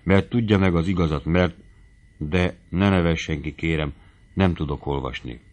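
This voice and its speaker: A man reading a shy, halting young maid. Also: low voice, darkish tone, natural voice. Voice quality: hesitant, halting.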